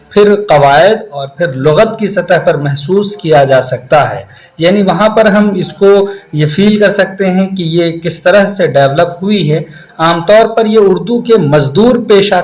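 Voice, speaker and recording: A man teaching an exam prep lecture, explaining step by step and pausing often on drawn-out fillers. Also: a little high, echoey room, low-quality recording.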